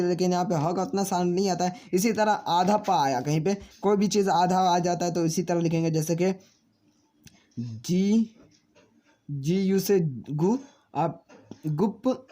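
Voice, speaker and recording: A man with a high, dark-toned voice teaches a spelling lesson. Treating his viewers as friends, he spells each name slowly, letter by letter, and replies to his own questions.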